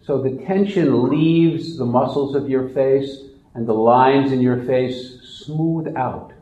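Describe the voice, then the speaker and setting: Slow, soft-spoken man guiding meditation. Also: mid-range voice, reverberant, highs cut off. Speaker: meditation guide. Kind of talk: guided meditation.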